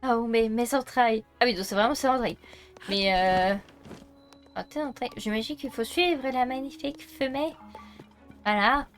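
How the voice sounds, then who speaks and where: A young French woman streaming a video game, chatting to her viewers with excitable, panicky repetitions and lots of laughter. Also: a little high, normal speed, soft background music. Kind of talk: live gameplay commentary.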